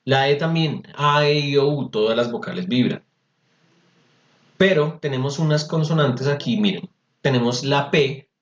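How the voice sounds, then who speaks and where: A man teaches pronunciation over a video call, patient and chatty. He repeats words to drill them. His sound is roomy and slightly dull. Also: medium pitch. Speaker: English teacher. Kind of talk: online class explaining pronunciation. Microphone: computer mic on a video call.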